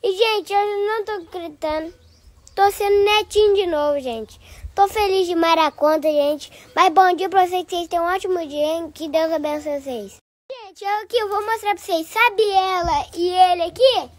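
A hoarse, squeaky old grandpa in a comedy vlog. He talks in a very high, piping voice and gushes with doting, affectionate delight. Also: moderate pace, dry recording. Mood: cheery.

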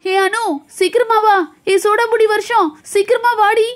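A woman with a very high voice acts out a playful doll story. Her characters sound animated and fretful as they urge the children to hurry and hide. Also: normal speed.

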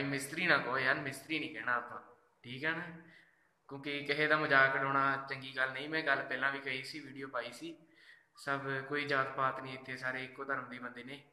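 A man's voice: mid-range voice, pushed and bright, reverberant, poor audio. A man, chatting casually on a live stream, reading out fan messages and thanking his fans by name. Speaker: social media singer doing a live fan chat.

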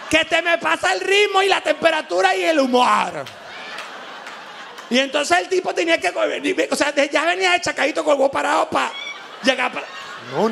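A man with a Venezuelan accent doing an animated, crude stand-up comedy monologue, acting out little voices as he goes. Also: very high-pitched, vocal fry, slight background noise. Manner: animated, crude, laughs often, acts out voices. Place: live show venue.

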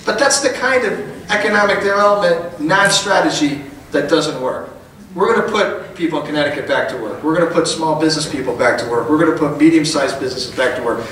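A man's voice: fairly high pitch, a little fast, a bit bright, a little hiss or hum. A middle-aged man, a politician, giving a folksy, rousing campaign rally speech from a podium in a large hall. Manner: folksy, rousing, rising to emphatic peaks. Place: large indoor function hall. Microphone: podium mic, recorded by a far camera. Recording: echoey hall from far off.

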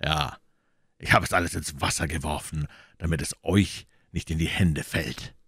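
A man's voice: rumbling low, animated, moderate pace, gravelly, fairly bright tone, slightly rough, dry recording, studio quality, full character voice. A man reading aloud and voicing a bitter, defiant convict who speaks in a scornful, triumphant way. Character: defiant one-legged convict, middle-aged, bitter. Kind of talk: audiobook reading.

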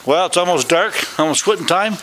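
A man's voice: high-pitched, expressive, fairly quick, a bit bright. A middle-aged man, chatty and folksy, jokes while narrating his own building work at an outdoor hangar, recorded on the camera he holds. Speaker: hobby pilot building hangar doors. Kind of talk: casual how-to narration while working. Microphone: handheld or head camera mic. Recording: noisy outdoor camera audio.

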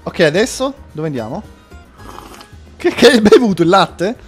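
A man giving excited gameplay commentary, yelping and laughing as he plays. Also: sits high, moderate pace, soft background music. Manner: excitable, yelps and laughs often. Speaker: gaming video host.

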